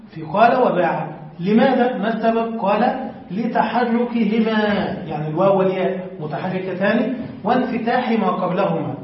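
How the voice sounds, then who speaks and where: A sheikh with a high voice gives a classroom lecture. He reads lines from a text, breaks them down, and keeps quizzing his students. The recording is dull and lo-fi, caught from a distance in a very echoey room. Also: slight background noise. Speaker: sheikh teaching Arabic morphology.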